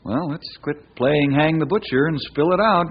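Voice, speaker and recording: An American actor playing a kindly, principled forest ranger in old-time radio drama style, with an earnest, folksy, friendly manner. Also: male voice, on the high side, normal speed, slightly rough. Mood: concerned, direct. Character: kindly, principled male forest ranger, plain-spoken and steady. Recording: muffled, noisy old radio recording.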